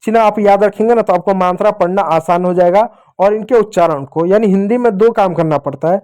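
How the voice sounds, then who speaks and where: A man teaching young children how to read Hindi, patiently repeating each sound slowly and speaking straight to the kids. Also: sits high, a little mellow, smooth.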